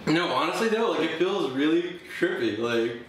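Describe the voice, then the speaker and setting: A man's voice: a little high, animated, normal speed, a bit bright, far from the mic. A man in his twenties talking casually to camera while in pain, gasping with his mouth burning from spicy food. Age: 20s. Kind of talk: casual chat to camera during an eating challenge. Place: indoor living room, on a couch. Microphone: camera a few feet away. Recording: very echoey living room, noisy background.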